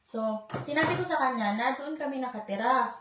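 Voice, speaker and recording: A woman's voice: high voice, a little fast, background noise. A woman from the Philippines, a vlogger, chatting confidingly as she tells her viewers a story. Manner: chatty, confiding, keeps addressing viewers directly. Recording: echoey room, voice distant from mic.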